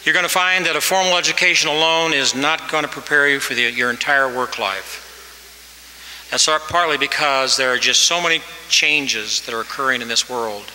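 At a podium in a large hall, a man in his sixties gives an earnest, exhorting graduation speech, pushing his voice higher when he wants emphasis. His pitch is mid-range, his pace moderate, his tone sharp. The recording carries hall reverb, faint ambience and a little hiss or hum.

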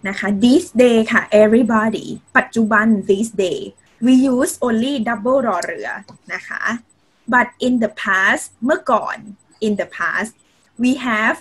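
Slow-speaking woman teaching Thai. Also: a little high, a bit bright, husky, low-quality recording. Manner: mixes simple English with Thai, adds polite particles often. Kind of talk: online language lesson.

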